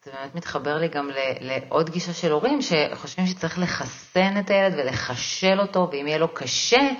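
A woman's voice: sits low, muffled recording. A woman hosting a podcast interview, laying out her points step by step and affirming her guest often. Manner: frequent short affirmations, explains points in orderly steps. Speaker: podcast host. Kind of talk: interview conversation.

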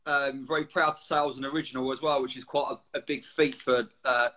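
A man's voice: medium pitch, steady tone, fast, pushed and bright. A man in his forties with an Essex accent, telling anecdotes in casual interview chat with informal, slangy, blokey speech. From Essex, England. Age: 40s. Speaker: guest, former military serviceman.

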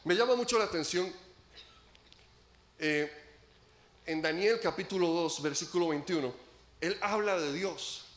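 A man preaching a sermon as pastor, dramatic, acting out laments and swinging widely between loud and soft. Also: unhurried, pauses often, echoey room. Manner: dramatic preaching, acts out quoted laments, sweeping pitch and volume swings.

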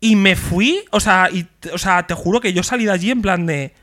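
A young man, animatedly telling a story on a casual podcast chat. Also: moderate pace. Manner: animated, acts out quotes with big jumps in pitch. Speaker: podcast co-host.

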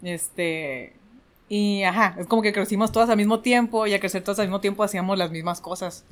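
A woman's voice: medium pitch, a little fast. A woman with a Mexican accent in casual chat, telling a childhood story with laughter and acted quotes. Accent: Mexican Spanish.

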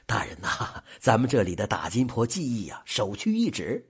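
A man's voice: lowish voice, huge pitch swings, normal speed, slightly rough, full character voice. A man voicing an eager, deferential male clerk who keeps sighing "ai" between phrases. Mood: proud. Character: fawning nervous male clerk, eager to please.

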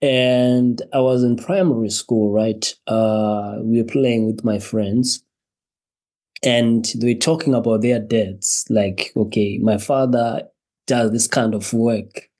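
Speaking at a medium pitch with fairly even intonation, this man from Zimbabwe has a warm tone. As a podcast guest, he tells his own story in a stop-start way, repeating himself and laughing between phrases.

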